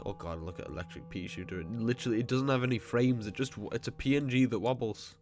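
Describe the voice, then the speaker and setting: A mid-range, slightly mellow male voice plays over faint music as this gaming video host talks through his game. His cold has left him with a stuffy nose and nasal tone, and he's chatty and nitpicky, full of quick asides.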